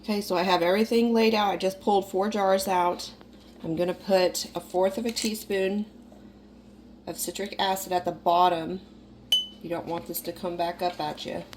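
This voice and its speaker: A woman getting over an illness, talking through a kitchen canning tutorial in a relaxed, instructive way and repeating reminders. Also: fairly low pitch, normal speed, a little hiss or hum, low-quality recording. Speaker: home canning vlogger. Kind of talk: casual step-by-step kitchen tutorial. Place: home kitchen.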